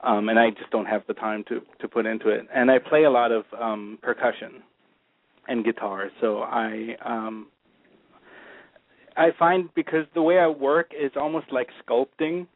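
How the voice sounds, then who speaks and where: A man's voice: medium pitch, fairly even intonation, normal speed, dry recording. Male composer, hesitant and reflective, thin phone-like line, dry sound. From Germany. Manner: thoughtful, hesitant, many restarts. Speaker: film composer. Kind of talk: radio interview. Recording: tinny phone-like radio audio.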